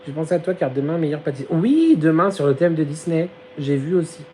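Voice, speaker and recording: On a rough phone recording with a little hiss or hum and a fan humming in the background, a man hosts a live stream and chats with viewers. His slightly high, mellow voice is animated and fairly quick, giggly and slangy even as it gives out.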